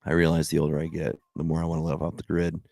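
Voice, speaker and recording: A man's voice: rumbling low, completely flat delivery, fast, gravelly, a little mellow, no room sound, studio quality. A man chatting casually as a livestream host, in a rambling, slangy way with some swearing.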